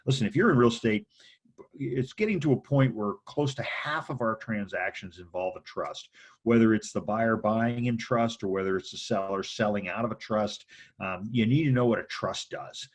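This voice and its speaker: A husky-voiced man gives an informal training lecture on real estate contracts. His voice sits a bit low, and he talks chattily, often tagging "okay?" onto his points. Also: moderate pace. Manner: chatty, frequent "okay?" and "right?" check-ins.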